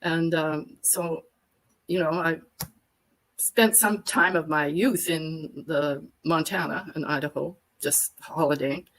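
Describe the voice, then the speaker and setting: A woman's voice: deep voice, steady tone, takes it slowly, fairly bright tone, rough recording. An older woman from Alberta, telling her story at length as a guest on a live video chat. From Alberta, Canada. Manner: chatty storyteller, long detailed answers. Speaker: guest, workshop facilitator. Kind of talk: casual conversation on a live stream.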